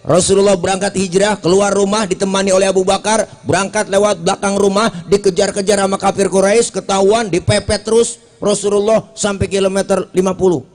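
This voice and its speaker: A man preaching a comic sermon, telling stories with jokes and dropping to a low confiding voice for asides. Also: flat delivery, brisk, few pauses, darkish tone. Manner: jokey storytelling, drops to a low confiding voice for asides.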